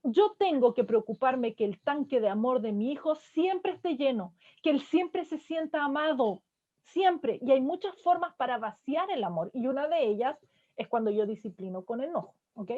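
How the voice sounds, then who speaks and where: A woman counselor with a fairly high voice lectures an audience on raising children. She keeps stopping to check in with her listeners through quick tag questions. The recording sounds dull and lo-fi. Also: lively intonation, dark tone. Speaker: family counselor giving a parenting talk.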